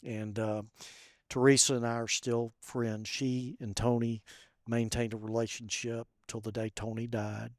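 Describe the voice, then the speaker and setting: Brief: male guest, gentle halting storyteller, close dry sound. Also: medium pitch, flat delivery, dry recording. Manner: soft-spoken and halting, with many fillers. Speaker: podcast guest. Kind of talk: personal storytelling.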